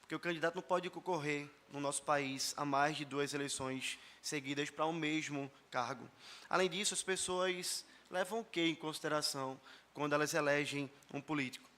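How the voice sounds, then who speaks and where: Brazilian male pastor, hoarse, earnest sermon delivery, bright edge to the voice. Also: on the high side, normal speed. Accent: Brazilian Portuguese. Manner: earnest, addresses the congregation directly as brothers. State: hoarse after a flu. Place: church service.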